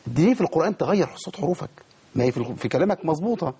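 A man's voice: on the high side, lively intonation, very fast, warm tone, breathy edge. A man with an Egyptian Arabic accent teaching a tajweed lesson. He quizzes his students and models each pronunciation for them. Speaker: Quran recitation teacher.

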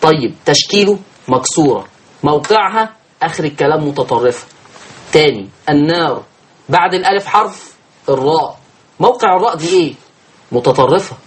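A man's voice: on the high side, animated. A man with an Egyptian accent teaching Quran recitation rules, asking and answering his own questions and drawing out chanted examples. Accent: Egyptian Arabic. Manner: slow drawn-out chanted examples. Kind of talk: teaching tajweed.

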